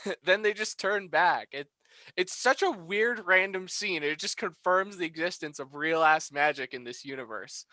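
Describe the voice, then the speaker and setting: A man with a bright, fairly high voice co-hosts a casual review podcast. He laughs often and swears freely as he talks. The sound is dry and close. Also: unhurried, no echo. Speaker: podcast co-host.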